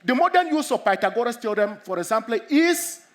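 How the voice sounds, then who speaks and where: A middle-aged man from Cameroon, a mathematics professor with a cold, giving an earnest public lecture to students, halting often and repeating himself as he explains. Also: very high-pitched, big pitch swings. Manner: earnest, repetitive, halting with many restarts. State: has a cold.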